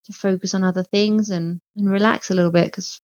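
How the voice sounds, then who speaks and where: A woman who owns a small restaurant and shop appears as an interview guest, talking about her own work in a chatty, informal, self-deprecating conversational style. Her mid-range voice is steady, brisk, and darkish in tone, recorded with dull audio and no room sound; she is from outside Mexico and not American.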